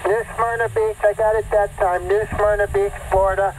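A man heard over a ham radio, relaying for a net with formal radio procedure. He speaks in a measured, patient way and asks callers to repeat and spell. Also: sits high, little pitch movement, background noise.

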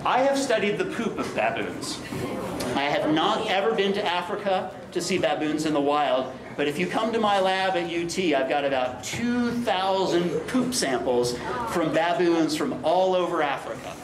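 A middle-aged man, his voice a little high and his pace normal, excitedly presents science to schoolchildren, taking questions and using some Spanish phrases. He gestures and walks before the audience in a big school cafeteria, miked with a wireless headset or lapel mic. The hall sounds roomy and far off, with a noisy crowd of children in the background.

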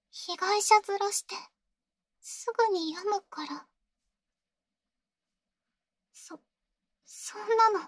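A clingy, insecure young girlfriend in an ASMR role-play audio drama, sweet yet eerily obsessive. Her voice is extremely high and girlish, with slow, halting, pleading delivery. It sounds close and dry. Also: no echo, exaggerated voice. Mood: hurt.

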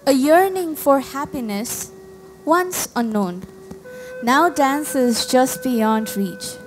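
A young woman with a Nepali accent reading her poem slowly and carefully at an open mic. She reads from her phone into a stand mic on a small cafe stage and sometimes restarts a word. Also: high-pitched, lively intonation, soft background music, low-quality recording. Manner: slow, measured recitation read from a phone, with restarts. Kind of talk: poetry reading. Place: small cafe stage in front of a brick wall.

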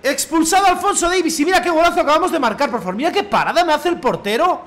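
A man from commentating his own football video game match, cheering loudly at goals and repeating his phrases. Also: very high-pitched, big pitch swings, very fast. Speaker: gaming youtuber. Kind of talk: excited live gameplay commentary.

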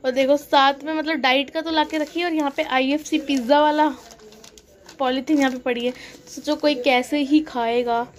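A woman's voice: high-pitched, steady tone, normal speed, slight background noise. Chatty young woman with a slightly sore throat. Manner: chatty, complaining in a playful way. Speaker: vlogger. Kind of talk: casual vlog voice-over. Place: indoors at home.

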